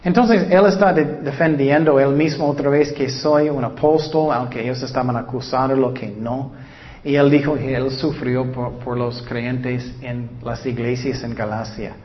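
A man's voice: medium pitch, fairly even intonation, a little slow. A man preaching an earnest evangelistic sermon, often checking in with rhetorical questions, and closing in prayer. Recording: dull lo-fi sound.

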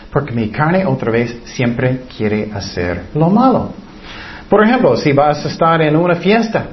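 A male preacher with a high voice that leaps all over the place as he asks rhetorical questions and slips into quoted voices. The recording is dull and lo-fi. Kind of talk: sermon.

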